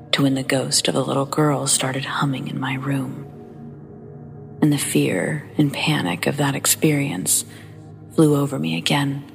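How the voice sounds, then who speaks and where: A woman hosting a show of listener ghost stories, reading them in a hushed, partly whispered storytelling voice with faint music behind her. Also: deep voice, gravelly. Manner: soft, partly whispered delivery.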